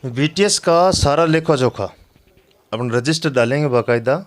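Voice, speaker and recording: A man's voice: medium pitch, moderate pace. A male teacher explaining how his school runs its tests, earnest and formal.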